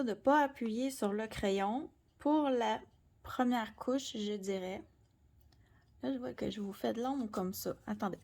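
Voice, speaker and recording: A young woman with a Québécois French accent, gently explaining a colored pencil drawing tutorial and sometimes dropping to near-whispers. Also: on the high side, gravelly. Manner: gentle, soft-spoken, drops into near-whispers while drawing. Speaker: art tutorial host.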